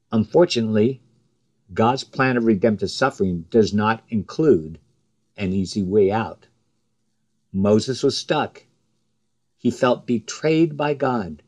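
A man preaching a sermon in a slow, measured way, his voice rising with emphasis on the quoted cries. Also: mid-range voice, a little mellow.

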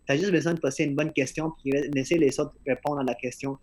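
Male podcast host with an accent, slightly high voice, a bit slurred, earnest and frank. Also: steady tone, fast. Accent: non-native-sounding French accent. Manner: earnest, frank, repeats words when starting a thought. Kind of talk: casual podcast conversation.

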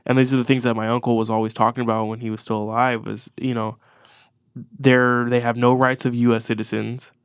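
A man's voice: mid-range voice, little pitch movement, brisk, smooth, no echo, studio quality. A congested man on a podcast, chatting casually and rambling with frequent swearing and restarts. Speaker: podcast co-host. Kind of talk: casual chat about music.

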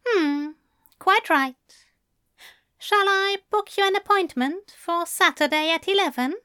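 A woman voicing a fussy, gentle male angel who speaks in a prim, courteous, old-fashioned way. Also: very high-pitched, measured pace, dry recording, studio quality, pitched above the performer's own voice, full character voice. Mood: polite. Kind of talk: fan audiobook reading.

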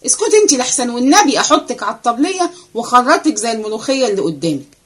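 A woman voicing a restless, cheeky young male servant with an Egyptian accent, chattering fast and excitedly. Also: fairly high pitch. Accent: Egyptian Arabic. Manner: excited rapid chatter, running commentary.

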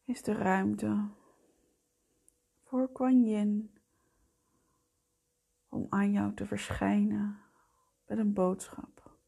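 A woman leading a guided meditation in a soft, breathy voice that often fades towards a whisper, soothing, gentle and unhurried. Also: medium pitch, level tone. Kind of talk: slow guided meditation narration.

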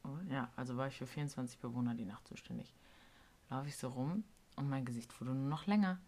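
Casting: woman, low voice, slangy storyteller, casual podcast co-host. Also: fairly quick. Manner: animated storytelling, acting out quotes, slangy. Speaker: podcast co-host, care worker.

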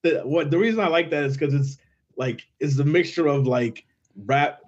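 A man who raps, chatting casually as a guest in halting, broken phrases. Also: fairly high pitch, a little mellow, lo-fi sound. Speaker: rapper, show guest. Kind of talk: casual chat.

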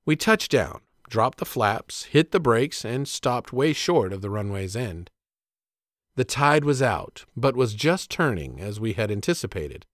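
Male storyteller, plainspoken, animated intonation, dead-dry close mic. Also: mid-range voice, no echo. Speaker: storyteller and father. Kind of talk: scripted narration of a personal story.

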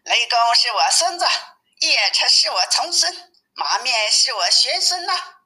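A woman voicing a bold, brash male monkey king who talks loud and cocky in a storybook reading. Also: fairly high pitch, animated, normal speed, voice pushed up, low-quality recording. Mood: fierce.

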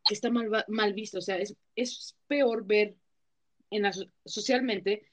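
A young woman with a Mexican accent chats casually as a podcast co-host. She tells her stories in a loose, slangy way, full of fillers and restarts, at an ordinary middle pitch. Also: steady tone, a little slow. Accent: Mexican Spanish. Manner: chatty, slangy storytelling with many fillers. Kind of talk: casual chat.

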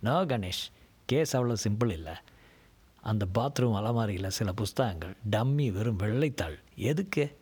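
A man doing a brisk police superintendent. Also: on the low side, lively intonation, a little mellow, breathy edge. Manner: brisk, questioning.

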